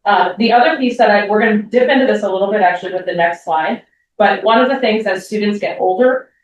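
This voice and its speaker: A woman's voice: medium pitch, quick pace, a little hiss or hum. Woman, school presenter, conversational with ums and restarts, distant mic, very echoey room. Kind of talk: parent talk.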